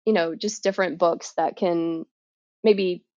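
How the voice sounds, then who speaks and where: A woman's voice: fairly low pitch, steady tone, darkish tone, no room sound. Woman guest, slightly muffled dry audio. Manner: self-deprecating, informal, halting and thinking aloud. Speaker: author, podcast guest. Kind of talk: casual interview chat.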